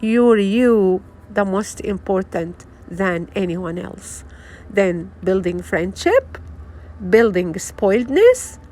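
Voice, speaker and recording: Slow, soft-spoken woman with an Arabic native tongue. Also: mid-range voice, sing-song, a little hiss or hum. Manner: soft, earnest, repetitive, with frequent restarts. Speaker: spiritual self-help speaker. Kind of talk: motivational monologue.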